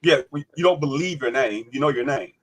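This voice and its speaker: Husky man pressing hard in debate. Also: medium pitch, fairly quick. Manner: insistent, cuts in, repeats questions. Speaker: livestream host. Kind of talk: heated debate on a live panel.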